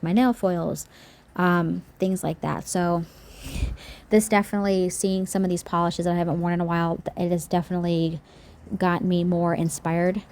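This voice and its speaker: A woman with a lowish, darkish voice records a casual voiceover for a nail-art video. A sore throat makes her slightly scratchy, and she chats and rambles with frequent restarts.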